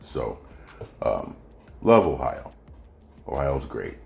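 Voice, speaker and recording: Very deep-voiced male podcast host. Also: big pitch swings, slow, creaky. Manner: loose, joking, talks straight to listeners. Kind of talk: casual solo podcast chat. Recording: echoey room with faint music.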